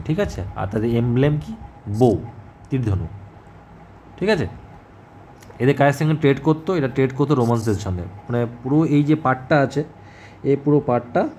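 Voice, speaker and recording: A man's voice: medium pitch, a little mellow. Man, teacher, conversational lesson, frequent check-ins, faint background noise. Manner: conversational, repeats "ঠিক আছে?" as a check-in, many fillers. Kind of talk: exam-prep history lesson.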